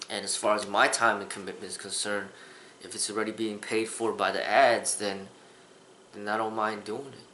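A man's voice: lowish voice, bright, forceful tone, echoey room, slight background noise, low-quality recording. A man in his thirties, a kung fu instructor, talking earnestly to the camera in a casual vlog, rambling with restarts. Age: 30s. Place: small indoor room with a sofa.

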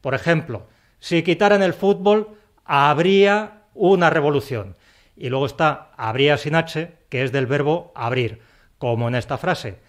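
Playful, theatrical Spanish man teaching. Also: a little high. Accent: Spain Spanish. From Spain. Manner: playful, theatrical exclamations and dramatic sighs; spells out words slowly and emphatically. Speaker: language teacher and channel host. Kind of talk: scripted explanatory video lesson.

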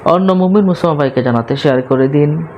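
A man presenting a devotional talk, explaining a prayer briskly and then reciting long Arabic invocations in a slow chant. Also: fairly high pitch, darkish tone. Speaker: religious presenter. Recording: slightly dull recording with faint background hiss.

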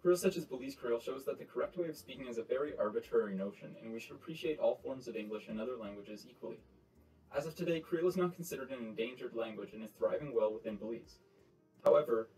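A man's voice: mid-range voice, warm tone, low-quality recording. A man in his twenties giving a formal, explanatory scripted educational narration. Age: 20s. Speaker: presenter.

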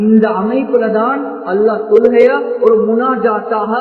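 A man's voice: very high-pitched, fairly even intonation, a little slow. A man giving an Islamic sermon, addressing listeners as respected brothers and friends and chanting Arabic verses. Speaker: preacher. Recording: tinny, echoey hall from far off.

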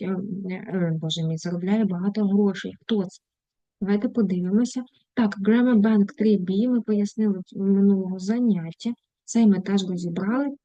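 A woman teacher with a Ukrainian accent leads an online English lesson, reading English words and phrases and translating each one. Her voice is very dark and mellow. The recording is dry and slightly dull. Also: mid-range voice, dry recording.

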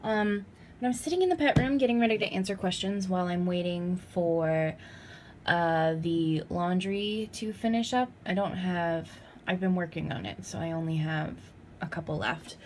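A woman's voice: fairly low pitch, normal speed, slight background noise. A young woman in her twenties chatting casually in a home vlog, talking sweetly to her pets. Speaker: vlogger. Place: home pet room, indoors.

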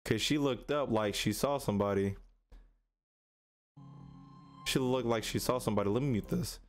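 Fast and mid-range, this young man's voice carries slangy, casual reaction commentary full of repeated phrases in bursts. He hosts reaction videos from a small indoor streaming setup, with music from the trailers he's watching in the background.

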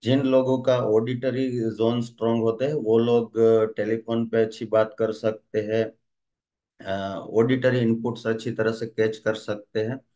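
A man's voice: fairly low pitch, little pitch movement, measured pace, dark tone, muffled recording. A man giving a recorded training lecture, explaining steadily with frequent "uh" fillers and restarts. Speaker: DMIT trainer. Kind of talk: recorded lecture on brain lobes.

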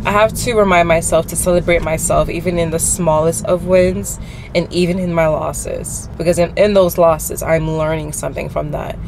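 A woman's voice: fairly low pitch, steady tone, normal speed, creaky. Young woman vlogging in a noisy car. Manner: heartfelt, repeats phrases for emphasis, prayerful. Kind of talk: reflective car vlog talk. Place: inside a car at night, traffic outside. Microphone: camera mounted on the dashboard. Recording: loud road and car noise.

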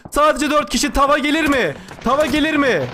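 A man giving excited live play-by-play commentary on an online game tournament, repeating calls and cheering his side on. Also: extremely high pitch, fairly quick, noisy background. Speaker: esports commentator.

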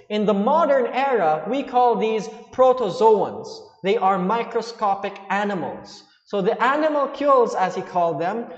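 A man's voice: high-pitched, roomy sound, in a large hall, dull audio. A man explaining a science lesson to students in a loose, chatty way, with fillers as he goes. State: hiccuping. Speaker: science teacher.

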